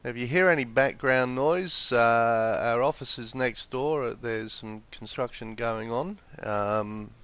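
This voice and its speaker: His voice is medium-pitched, fairly bright, and smooth, delivered a little slowly with few pauses. Sick with the flu and congested, the gaming streamer gives casual, tentative play-by-play on a PS4 headset microphone, explaining as he goes, from a room next to an office with open windows.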